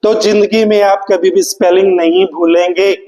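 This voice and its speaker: A man's voice: sits high, steady tone, moderate pace, mellow, reverberant, long reverb tail, low-quality recording. A man teaching English spelling to exam students, spelling words out letter by letter and asking the class questions he then answers himself. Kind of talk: exam prep lecture.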